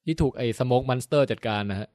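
A man chatting casually about a TV series, retelling scenes in an animated way. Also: medium pitch, moderate pace, no room sound, clean studio sound. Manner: animated storyteller, acts out lines. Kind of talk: casual chat reviewing a TV series.

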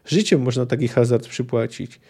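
A man's voice: medium pitch, moderate pace, gravelly, dark tone, husky. A man reading as a blunt, boisterous dwarf. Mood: boastful. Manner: blunt, folksy, emphatic. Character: boisterous tipsy male dwarf.

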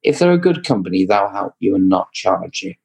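A man's voice: low voice, very animated, fairly quick, creaky, a little mellow, breathy edge, rough recording. A man with an English accent, a credit repair business owner giving earnest, repetitive advice in a casual chat. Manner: earnest, advising, repeats for emphasis. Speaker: credit repair company guest.

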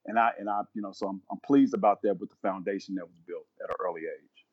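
A minister in his fifties appears as a podcast guest, speaking earnestly, repeating himself and quoting scripture, so the conversation takes on a preaching flavor. His voice is lowish and quick, and the sound is lo-fi.

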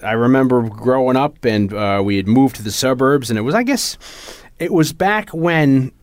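A man's voice: medium pitch, lively intonation, moderate pace, dry recording. A man co-hosting a movie podcast, chatting casually, rambling and laughing, a little jittery from coffee. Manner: joking, rambling, laughs often. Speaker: podcast co-host. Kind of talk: casual chat.

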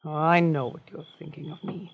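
An actress playing a nervous young nurse, stammering and evasive, in 1940s radio style. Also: female voice, sits low, level tone, brisk. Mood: flustered. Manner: flustered, stammering, breathy. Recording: muffled old radio broadcast.

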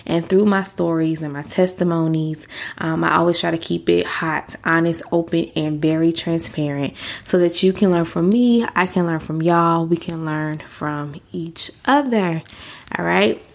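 A young woman hosts a faith-based podcast while six months pregnant, sounding a little out of breath. Her gravelly voice is deeper than usual and measured in pace. She speaks earnestly and chattily to listeners, saying "y'all".

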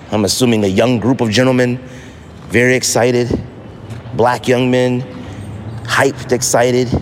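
Here the same kind of host, a man from the United States doing a casual solo podcast, speaks in a mid-range voice. Slang, emphasis, and repeated phrases mark his talk, and a little hiss or hum sits under it.

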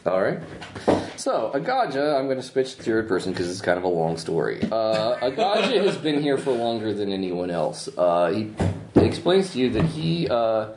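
A man's voice: mid-range voice, sing-song, moderate pace. A man working as game master, casually narrating a tabletop game. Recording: roomy tabletop recording with faint noise.

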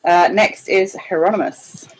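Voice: mid-range voice, fairly even intonation, measured pace, low-quality recording. A player at a tabletop game chatting casually, teasing the others and laughing easily.

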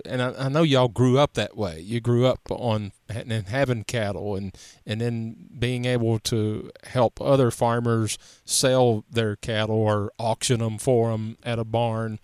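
Smooth-voiced Southern male interviewer. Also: medium pitch, fairly even intonation, no echo. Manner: halting, rambling phrasing. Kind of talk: casual interview questions.

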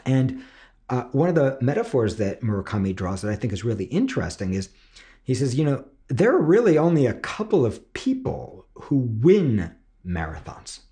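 A screenwriting teacher who hosts a podcast talks in a very animated, mellow, mid-range voice at normal speed. His motivational style leans on emphasis, repetition, and frequent rhetorical check-ins with listeners.

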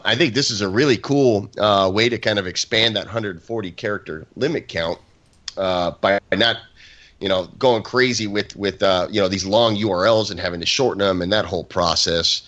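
A man co-hosting a tech podcast who talks in a halting way, with many fillers and restarts. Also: on the low side, bright, forceful tone, lo-fi sound. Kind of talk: casual tech podcast chat.

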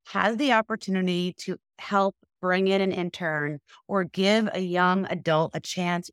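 An American woman speaks as a podcast guest and career coach in a conversational way. Her voice sits a little low and is recorded dry. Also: fairly bright tone, clean tone, no echo. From United States. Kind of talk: conversational interview talk.

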